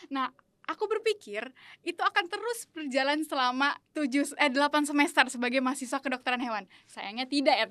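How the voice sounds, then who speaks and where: A young woman in her early twenties from a remote island region, chatting excitably as an interview guest. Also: high voice, no room sound. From Anambas Islands, Indonesia. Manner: excitable, talkative, lots of fillers. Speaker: interview guest, veterinary student. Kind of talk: casual interview chat.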